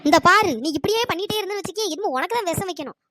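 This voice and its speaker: A woman doing a shrill, nagging old village mother-in-law. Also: very fast, pushed and bright, no echo, studio quality. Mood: scolding. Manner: scolding, sarcastic, relentless. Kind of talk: cartoon dialogue with pitch-raised voice.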